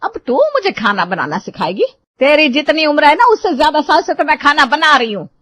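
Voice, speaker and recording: A woman voicing a sharp-tongued traditional mother-in-law who scolds loudly in a cartoon story. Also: big pitch swings, moderate pace, no echo. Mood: bossy. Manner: scolding, shrill and loud. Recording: dull lo-fi dry recording.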